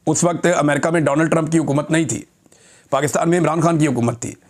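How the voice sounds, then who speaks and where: A man's voice: a little high, quick pace. A man with a Pakistani Urdu accent giving indignant, impassioned political commentary in a vlog, speaking straight to his viewers.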